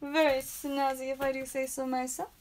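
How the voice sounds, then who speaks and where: A young woman hosting a live stream from a small home room, chatting casually and naming each card aloud with bursts of excitement. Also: sits high, normal speed. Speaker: live stream host opening card packs.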